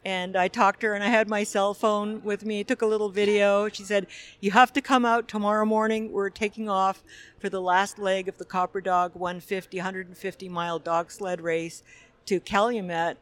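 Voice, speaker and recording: Casting note: woman director from Quebec, mid-pitched voice, unhurried and thoughtful, pausing often with fillers. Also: flat delivery. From Quebec, Canada. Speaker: film director guest. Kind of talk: conversational interview. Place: film festival.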